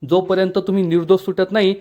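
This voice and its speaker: Sober lawyer, matter-of-fact, read by a high-voiced man, lo-fi. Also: level tone, fast talker, mellow, close to an everyday voice. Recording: dull lo-fi recording.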